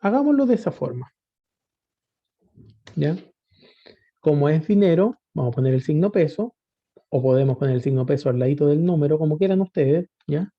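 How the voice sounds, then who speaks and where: A man's voice: a little high, expressive, moderate pace, pauses often. A man teaching a spreadsheet lesson, patiently asking rhetorical questions and often checking that students follow. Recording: dull lo-fi recording.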